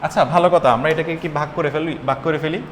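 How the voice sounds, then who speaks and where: A young man teaching a biology class, repeating terms slowly and quizzing his students. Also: a little high, steady tone, fairly bright tone, slight background noise. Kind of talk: classroom lecture. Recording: echoey room, faint ambience.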